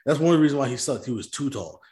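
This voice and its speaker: A man's voice: mid-range voice, animated, very fast, dark tone. A man co-hosting a sports podcast in casual chat, ranting animatedly, swearing and laughing often. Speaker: podcast co-host.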